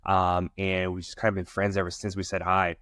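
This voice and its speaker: A male podcast host with a lowish voice, hyping up his guest in loose, slangy talk. The sound is close and dry, with no room around it. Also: monotone, fairly quick, fairly bright tone, dry recording. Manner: hyped, slangy, calls guest "my boy" and "my brother". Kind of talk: casual podcast interview.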